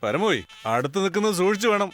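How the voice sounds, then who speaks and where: Jeering village troublemaker, bright, fast, faint music behind. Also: male voice, sits high, very animated. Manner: mocking, jeering. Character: mocking village man, a troublemaker. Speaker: dubbing actor voicing a taunting villager. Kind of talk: Malayalam film dub acting.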